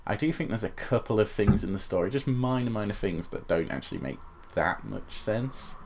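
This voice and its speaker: A young man with a low, gravelly voice co-hosts a casual gaming podcast. He talks loosely, laughs often and drops fillers between thoughts. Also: animated, a little fast, a little mellow, a little hiss or hum. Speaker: podcast co-host.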